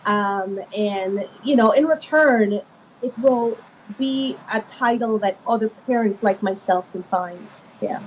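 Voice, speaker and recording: Lively Guyanese-born woman author, lo-fi. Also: a little high, slow. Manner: animated storyteller, many fillers. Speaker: children's author. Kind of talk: conversational interview. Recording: muffled lo-fi with faint noise.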